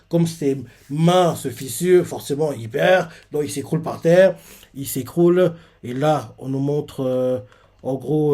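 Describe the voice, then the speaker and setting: A man hosts a live reaction, walking through a manga chapter panel by panel. He rambles and leans heavily on fillers, in a voice a little higher than most men's. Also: warm tone.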